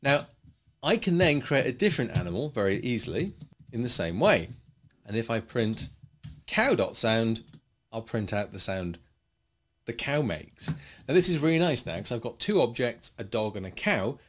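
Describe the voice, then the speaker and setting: A man's voice: medium pitch, sing-song, moderate pace. A man teaching a coding lesson in a chatty way, explaining with playful asides. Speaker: programming teacher.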